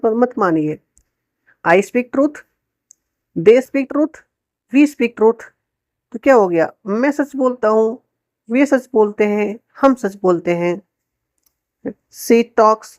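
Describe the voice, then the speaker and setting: Woman, lesson, very slow and patient, dry close sound. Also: mid-range voice, darkish tone, dry recording. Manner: slow, repeats each sentence and translates, asks the viewer questions. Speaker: English teacher. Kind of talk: spoken English lesson for Hindi speakers.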